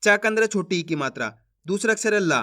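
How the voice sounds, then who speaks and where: A man's voice: high-pitched, lively intonation, pushed and bright. A man teaching beginners to read Hindi, sounding out words syllable by syllable and talking to viewers as friends. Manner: slow syllable-by-syllable drilling, addresses viewers as friends. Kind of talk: online reading lesson for beginners.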